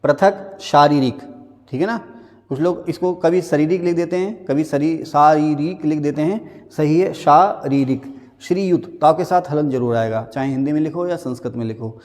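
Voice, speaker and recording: A man teaching a Hindi spelling lesson, naming each common mistake and then slowly spelling out the correct form. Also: on the high side, mellow, in a large hall. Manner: drills words, stating the wrong and the right spelling again and again; slows right down to spell a word out. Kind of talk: classroom-style spelling lesson.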